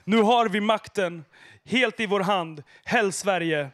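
Guy reading gloating party guy on stage, high voice, triumphant. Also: a bit bright. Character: gloating male party man shouting on stage.

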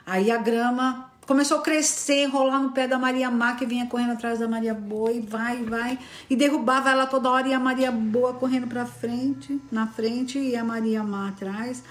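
A woman's voice: on the high side, steady tone, normal speed, few pauses. Woman telling a fairy tale, echoey. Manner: rambling, repeating phrases, with tag questions. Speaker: storyteller. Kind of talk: casual oral storytelling. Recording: echoey room.

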